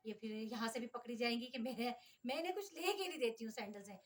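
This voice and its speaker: A fast-talking middle-aged woman from Pakistan, vlogging in a casual, running monologue. Her voice sits a little high, and she sounds exasperated as she complains straight to her viewers. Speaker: vlogger, mother.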